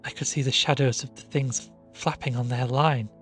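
A timid, frightened maid, acted by a male narrator in a dramatised storybook. The voice is faint and husky, faltering and gasping as it stammers out the words. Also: medium pitch, fairly even intonation, normal speed, fairly bright tone, soft background music. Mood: horror-stricken.

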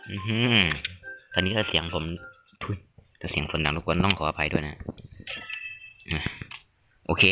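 Excitable young gamer man, rain behind. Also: low voice, lo-fi sound. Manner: loud, excitable, crude joking with frequent yelps. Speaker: gaming YouTuber. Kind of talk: Thai let's-play commentary. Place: home room during heavy rain. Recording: rain noise clearly audible behind voice.

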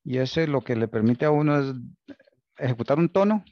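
A man's voice: mid-range voice, animated, normal speed, no echo, lo-fi sound. A man giving a university lecture, thinking aloud, restarting phrases and often checking in with "¿Ok?". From Costa Rica. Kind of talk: recorded online lecture.

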